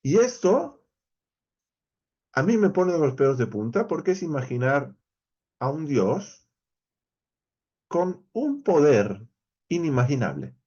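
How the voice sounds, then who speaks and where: Man with a Spain Spanish accent, Bible teacher, lively intonation, mellow tone. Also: on the high side, takes it slowly, long pauses, husky, muffled recording. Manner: explanatory, animated, addresses viewers directly. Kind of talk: verse-by-verse Bible study lesson.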